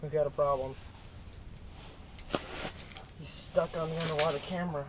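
Sitting in a cramped ice fishing shelter, a young man who vlogs about fishing walks through his technique in a relaxed, talkative way. He speaks at a moderate pace with a steady, slightly high voice. A camera-mounted shotgun mic with a windscreen picks him up, and the audio is poor, with slight background noise.

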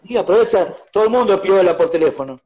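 A man with an Argentine accent, a musician guest speaking in a casual radio interview, telling his stories with animated acted-out exchanges. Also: sits high, fast talker, rough recording. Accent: Argentine Spanish. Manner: animated storyteller acting out phone quarrels. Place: radio studio.

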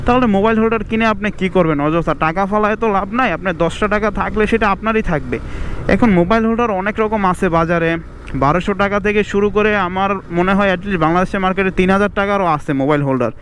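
A young man with a Bangladeshi Bengali accent, vlogging casually outdoors in fast, chatty talk mixed with English words. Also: high-pitched, fairly bright tone, slight background noise. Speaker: motovlogger. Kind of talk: casual outdoor moto vlog. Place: outdoors by a roadside.

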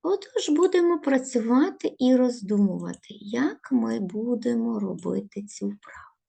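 A woman teacher giving a recorded video lesson to young pupils, setting out instructions slowly and stressing each word. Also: a little high, expressive, creaky, dark tone, breathy edge. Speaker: primary school teacher.

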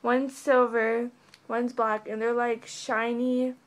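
A young woman vlogger chats casually through a haul video from her bedroom, filmed on a webcam. She's a bit sick and losing her voice, yet rambles bubbly with plenty of fillers. Her pitch sits on the high side, level and unhurried.

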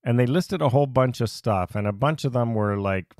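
A man's voice: mid-range voice, a little fast, a little mellow, no room sound, clean studio sound. A man co-hosting a podcast in casual chat, wry and a little sarcastic. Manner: chatty, wry, lightly sarcastic. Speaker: podcast co-host.

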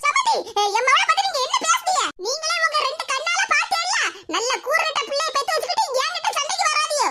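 Woman voicing an indignant, shrill bride's mother, Tirunelveli Tamil, noisy track. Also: expressive, fast talker, hardly any pauses. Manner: indignant, argumentative. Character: defensive middle-aged mother of the bride. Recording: loud background noise.

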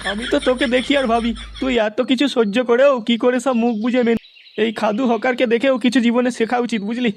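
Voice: medium pitch, fairly even intonation, a little fast, natural voice. A voice actor playing a wise, chatty older male tea-stall uncle who gives advice. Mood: advising. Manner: advising, chatty, teasing.

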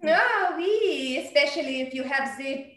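A woman's voice: high voice, animated, measured pace, a bit bright, roomy sound. A woman playing a coy French maid. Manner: coy, nervous dodging. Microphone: video call.

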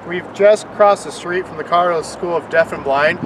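A man with a somewhat high voice presents eagerly outdoors and chats about the spot he is standing on. He sounds a little far from the camera mic. Music runs clearly underneath. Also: a little fast. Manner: enthusiastic, chatty. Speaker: co-host of an exploration vlog. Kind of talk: casual on-location presenting. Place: outdoors on a residential street. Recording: distant voice with music bed.

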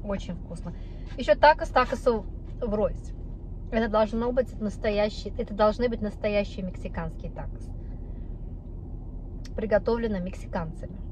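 A woman's voice: mid-range voice, moderate pace, long pauses, a little mellow, low-quality recording. A woman vlogger chatting casually while eating, talking with her mouth full. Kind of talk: casual mukbang chat. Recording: clear street traffic noise behind.

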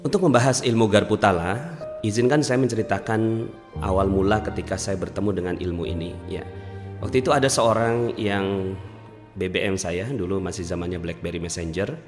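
A man with a fairly low voice gives a seminar talk, telling a story with animated, sudden jumps in pitch. His voice rings out with the long reverb of a hall, and soft music plays underneath. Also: normal speed. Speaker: motivational speaker.

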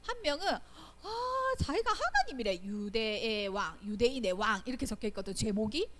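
A woman with a Gyeongsang Korean accent preaching to children at Sunday school. Her voice sits a little high and swings widely as she tells the story. She keeps asking her listeners to agree, as a lively storyteller does. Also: moderate pace. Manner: animated storytelling with frequent rhetorical check-ins; acts out quoted voices. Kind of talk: children's sermon.

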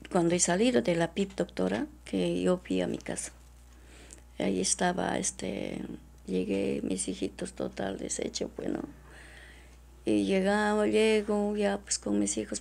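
A middle-aged woman, giving distressed, halting testimony in an interview and repeatedly addressing the interviewer. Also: on the low side, creaky, dark tone. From Peru. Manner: halting and repetitive, often addressing the interviewer as doctora. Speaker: witness.

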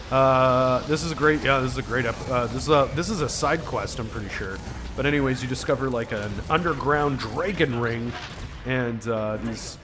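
A man's voice: medium pitch, expressive, moderate pace, over music. A man hosting a gaming channel, giving casual let's-play commentary in a profane, joking way. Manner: profane, joking, laughs at himself.

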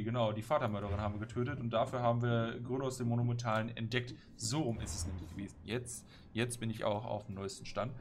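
Male let's player, medium pitch, playful self-talk and slang, noticeable game noise behind. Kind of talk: casual gameplay commentary. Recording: clear background game noise. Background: game ambience.

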